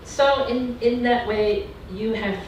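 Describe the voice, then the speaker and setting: A woman's voice: fairly high pitch, takes it slowly. A woman moderating a panel discussion, asking questions with many hesitant fillers. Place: lecture room. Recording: very echoey room, distant mic, noise.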